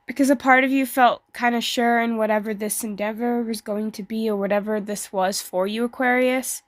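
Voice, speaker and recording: Woman, sick with flu, higher-pitched voice, dry close sound, casual tarot reader, hesitant phrasing. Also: steady tone, normal speed, no room sound. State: sick, as with flu, voice may give out. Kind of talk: casual tarot reading to online viewers.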